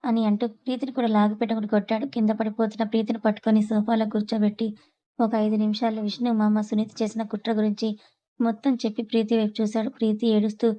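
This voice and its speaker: A woman storyteller reading a serialized story aloud in a brisk, steady way. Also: a little high, lo-fi sound.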